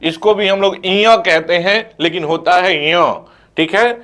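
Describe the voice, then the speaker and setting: A man's voice: sits high, a little slow, a bit bright. A young man teaching an exam coaching lecture, who asks questions and answers them himself and recites letters one by one.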